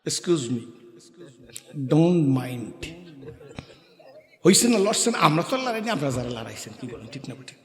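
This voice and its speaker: Fiery preacher echoing through loudspeakers. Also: male voice, a little high, big pitch swings, measured pace, pauses often. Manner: calls on the crowd to answer loudly, sings couplets. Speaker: Islamic preacher. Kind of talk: waz sermon to a large gathering. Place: outdoor sermon gathering with loudspeakers. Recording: echoey PA sound with long reverb.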